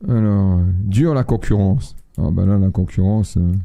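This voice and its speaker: A man's voice: low voice, unhurried, gravelly, warm tone. A man hosting a live astrology stream, chatting casually with viewers and reading their messages in a blunt, slangy, joking way.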